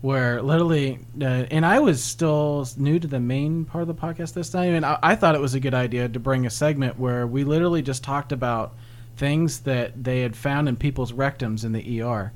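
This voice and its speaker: A man's voice: medium pitch, brisk. A man co-hosting a podcast, chatting casually with frequent laughs and tangled sentences. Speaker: podcast co-host.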